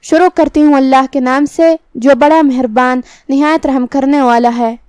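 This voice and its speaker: Woman recitation teacher, high voice, dry close sound, methodical step-by-step explanations. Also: steady tone, darkish tone, no room sound. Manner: explains pronunciation rules step by step, then recites very slowly. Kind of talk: tajweed lesson with slow chanted recitation.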